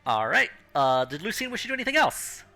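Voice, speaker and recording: A man narrates a tabletop game casually as its game master. His voice is bright and very animated in its rise and fall, with faint music playing behind. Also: a little high, brisk.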